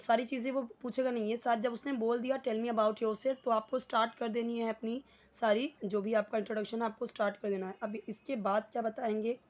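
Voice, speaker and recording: A woman with an Indian accent teaching an English lesson in Hindi, patiently explaining and slowly repeating example phrases. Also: on the high side, darkish tone.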